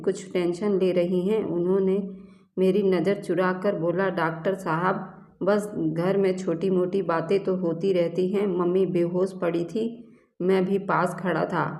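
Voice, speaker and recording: A woman's voice: fairly low pitch, darkish tone. A woman narrating an emotional true story in the first person, speaking all the family dialogue in her own voice.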